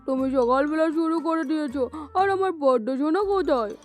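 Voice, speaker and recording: A woman plays a vain old cartoon landlord pining for his dream bride, his voice set high and doting. He pleads and coos over soft background music. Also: animated, a little fast. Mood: fretful. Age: middle-aged. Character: old lovesick male landlord, vain and foolish. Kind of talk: cartoon voice acting. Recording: faint music underneath.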